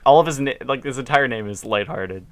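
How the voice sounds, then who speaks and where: A man's voice: mid-range voice, brisk, no room sound. A man co-hosting a podcast from a home basement, tossing out dry, teasing quips in casual chat. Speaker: podcast co-host.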